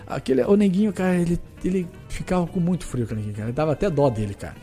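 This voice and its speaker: Brazilian guy rambling thru a story, repeats himself, does the other people's lines, kinda dark voice. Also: fairly high pitch, racing, soft background music. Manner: animated, repetitive, acts out dialogue. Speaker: guest, footballer. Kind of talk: casual storytelling.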